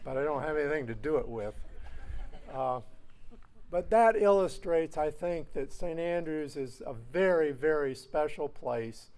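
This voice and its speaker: A man giving a personal memorial speech, telling an anecdote and slowing down for emphasis. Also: on the high side, expressive, a little mellow. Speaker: alumnus speaker.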